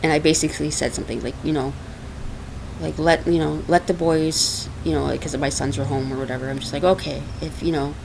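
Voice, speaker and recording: Her voice sits low and sounds gravelly, with fairly even intonation and a slightly fast pace, as this Portuguese minister hosts a chatty, casual spiritual podcast full of laughter and fillers. She is in a dark, hot room at home, using a laptop microphone on her lap, and the raw recording carries a faint hiss.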